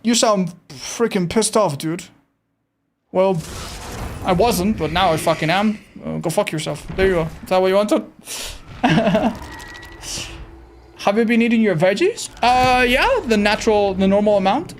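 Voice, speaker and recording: A man with a high, slightly raspy voice chats loosely with his stream chat while he plays. He is animated and swears freely. A faint ambient hiss sits under the voice. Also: measured pace, long pauses. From Andorra. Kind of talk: casual live-stream chat.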